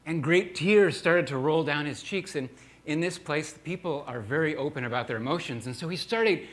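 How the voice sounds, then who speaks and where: Male preacher, earnest sermon storyteller, a bit high-voiced, stumbles and repeats words. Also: moderate pace.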